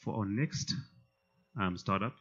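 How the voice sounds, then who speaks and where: A man emceeing a student pitch competition in a casual way, with many fillers between announcements. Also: unhurried, fairly bright tone, slightly rough. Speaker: event emcee. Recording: slightly muffled event audio.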